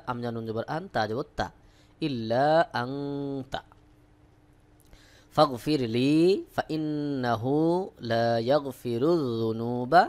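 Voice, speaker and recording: A man with a Bangladeshi accent teaching Arabic recitation, spelling out each syllable slowly and then repeating the joined word. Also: medium pitch, a little mellow. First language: Bengali.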